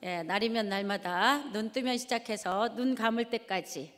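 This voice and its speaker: A woman's voice: medium pitch, moderate pace. A middle-aged woman from Jeonju, giving a storytelling testimony sermon and asking the audience questions as she acts out scolding. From Jeonju, South Korea. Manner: animated, asks the audience questions and acts out shouting at her children. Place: large church hall. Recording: reverberant large hall.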